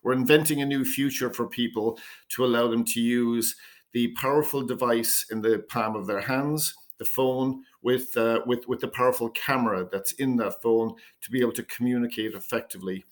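A man of middle pitch speaks as a company founder in an interview. He explains at an even pace, now and then repeating a word as he restarts a phrase. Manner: measured pitch, repeats words when starting phrases. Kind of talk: business interview answers.

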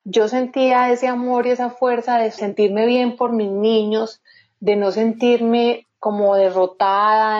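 A woman's voice: medium pitch, a little mellow. A woman guest in an interview, telling a personal story in an earnest, heartfelt way. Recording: slightly dull lo-fi sound.

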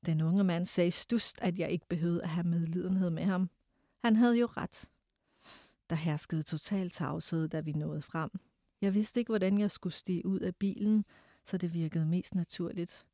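A woman reading a novel aloud in a measured way, then discussing it with some hesitation. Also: lowish voice, steady tone, dark tone, no room sound, clean studio sound. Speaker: guest reader.

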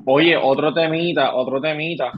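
A man's voice: a little high, normal speed, muffled recording. A man with a Puerto Rican accent co-hosting a podcast, arguing his points animatedly and cursing often. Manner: animated arguing, frequent swearing. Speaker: podcast co-host. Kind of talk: casual podcast chat.

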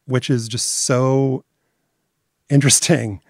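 A man interviewed about his documentary series, explaining in articulate, measured terms. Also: medium pitch, steady tone, no echo, studio quality. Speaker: documentary series maker as guest. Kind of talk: conversational interview.

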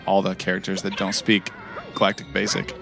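A man's voice: sits low, monotone, fairly quick, vocal fry, over music. A man co-hosting a casual movie watch-along, joking crudely and laughing often, with film audio behind. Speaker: co-host.

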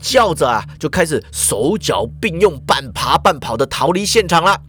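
High-voiced man telling a comic story. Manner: lively, drawn-out particles.

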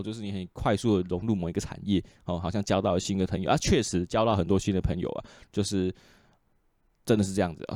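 A man with a Taiwanese Mandarin accent hosting a podcast, talking in a relaxed, chatty way full of fillers. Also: fairly low pitch, dry recording, clean studio sound. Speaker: podcast host. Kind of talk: casual podcast chat.

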